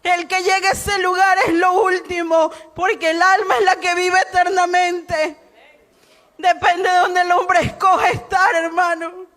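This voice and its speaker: Slow, shouting woman preaching a testimony. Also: very high-pitched, little pitch movement. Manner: shouting fervently, addresses listeners as brother.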